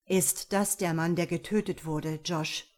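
A woman's voice: fairly low pitch, fairly even intonation, unhurried, darkish tone, natural voice. A woman voicing a keen middle-aged police inspector. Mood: probing.

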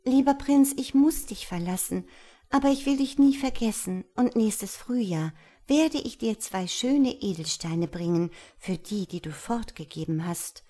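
A woman's voice: animated, a little slow, dark tone. A woman reading a fairy tale aloud and voicing a kind-hearted, loyal little female swallow in a raised, pleading voice. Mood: tender. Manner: high pleading storytelling voice.

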